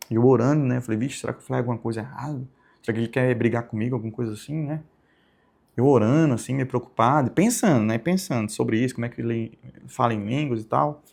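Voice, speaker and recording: A young man telling a personal religious testimony, soft-spoken and rambling, often tagging his sentences with little questions. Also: medium pitch, creaky. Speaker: channel host giving testimony.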